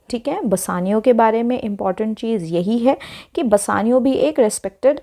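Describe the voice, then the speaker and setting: Woman teacher going over a lesson, defines each word step by step, says "okay" a lot, reads the english bits slow. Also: medium pitch, gravelly, darkish tone. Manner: explains terms step by step, checks with frequent "okay" asides; reads English text slowly and deliberately. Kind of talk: explaining a textbook lesson.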